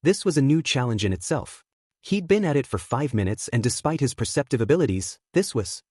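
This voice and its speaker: A man's voice: medium pitch, very animated, fairly quick, a little mellow, breathy edge, dry recording, clean studio sound. A man reading a scripted story aloud as a narrator. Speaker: fan fiction narrator.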